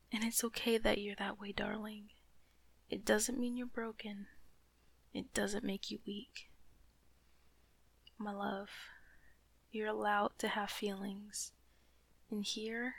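A woman in an ASMR comfort roleplay, speaking softly and soothingly to a loving partner, often slipping into whispers close to the mic. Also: medium pitch, vocal fry, breathy edge, dry recording.

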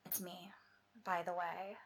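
A woman's voice: on the low side, little pitch movement, a little slow. A woman leaving a hesitant, pleading voicemail for an ex in an audio roleplay, with sighs and restarts. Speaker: ex-girlfriend character.

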